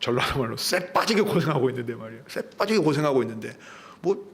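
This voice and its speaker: A man's voice: medium pitch, sing-song, a little fast, creaky. A man acting out a resentful grown elder son who is sulking and complaining in an indignant, whiny tone. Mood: aggrieved.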